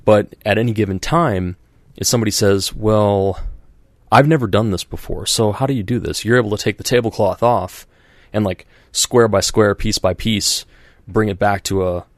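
A podcast host with a fairly low voice rambles through a casual chat at normal speed, restarting sentences, leaning on "like" and "you know," and slipping into quoted voices. The sound is dry and close, with no echo or room around it.

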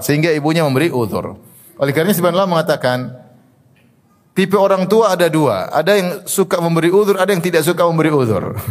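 A male religious teacher gives a study lecture. He explains Arabic terms and tells narrations, often filling pauses with "ya" and "apa namanya". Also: fairly high pitch, long reverb tail. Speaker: Islamic teacher.

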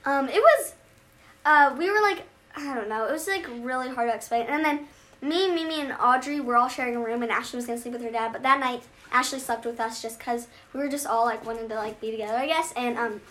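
A young woman with a high voice tells a story among friends. She rambles, stopping and restarting with plenty of fillers, in a relaxed, casual way. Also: fast.

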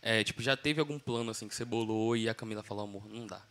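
A man's voice: mid-range voice, racing, a bit bright. A man co-hosting a casual podcast, asking questions and cutting in with jokes. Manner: joking interjections, playful. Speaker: podcast host.

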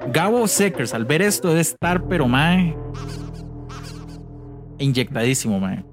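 A man with a Costa Rican accent chatting excitedly while playing retro games, slangy and tossing in English words. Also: on the high side, a little slow. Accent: Costa Rican Spanish. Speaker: co-host. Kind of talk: casual gameplay chat. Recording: music playing behind. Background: game music.

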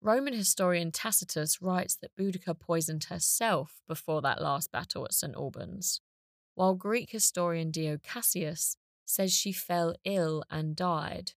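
A woman's voice: fairly low pitch, unhurried, no echo, clean studio sound. A woman podcast host delivering scripted narration. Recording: spoken over music.

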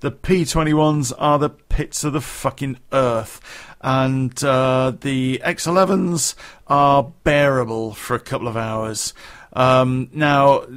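A gaming vlogger chats loosely to his viewers, thinking out loud. He rambles, starts sentences over and drops in the odd swear word. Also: mid-range voice. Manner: rambling and chatty, swears freely, many restarts. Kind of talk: casual chat to viewers.

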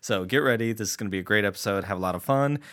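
Low-voiced man hosting a podcast. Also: racing, a bit bright. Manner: chatty and upbeat, with filler words. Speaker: podcast host. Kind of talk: casual podcast chat.

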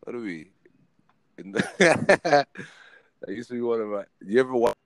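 A man's voice: mid-range voice, expressive, unhurried, dry recording, rough recording. A man in his forties hosting a casual podcast chat, laid-back and teasing, laughing often. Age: 40s.

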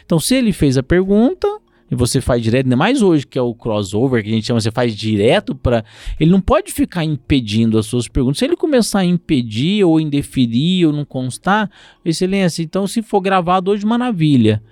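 A man's voice: mid-range voice, fairly quick, no room sound. A man from Brazil, a lawyer in a conversational interview, acting out courtroom exchanges as he explains. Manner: animated, acts out courtroom exchanges.

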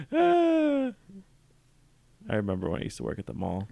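A man's voice: high voice, wildly swooping pitch, measured pace, gravelly, dark tone, no room sound. A man co-hosting a podcast in casual chat, telling stories in a brash, profane way and laughing often. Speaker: podcast co-host.

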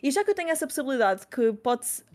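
Chatty young Lisbon-accented woman, slightly high. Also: sing-song, fast talker, darkish tone. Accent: European Portuguese, Lisbon with northern Portuguese influence. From Lisbon, Portugal. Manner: chatty and frank, with frequent restarts. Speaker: guest streamer. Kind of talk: casual interview chat.

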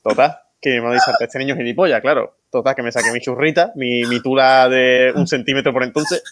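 A man's voice: medium pitch, no room sound. A man telling a childhood story in casual chat among friends. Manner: fast, animated anecdote telling with quoted voices. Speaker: podcast co-host.

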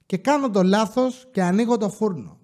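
Animated high-pitched male storyteller. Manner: animated, acts out quoted dialogue. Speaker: podcast host. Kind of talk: casual storytelling.

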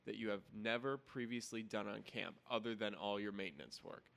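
Gravelly, low-voiced male podcast co-host. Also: fairly quick, a bit bright. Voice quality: gravelly, creaky. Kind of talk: casual chat.

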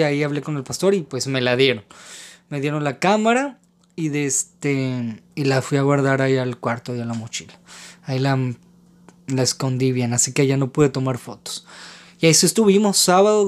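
A man's voice: fairly high pitch, moderate pace. Rambling Mexican man telling a story. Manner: rambling and slangy, lots of filler words and restarts. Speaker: podcast host. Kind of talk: casual anecdotal storytelling.

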